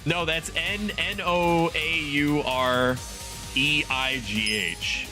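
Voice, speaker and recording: Taking things slowly in a fairly high voice, a man plays a video game on a VTuber live stream, rambling and laughing often over the game music.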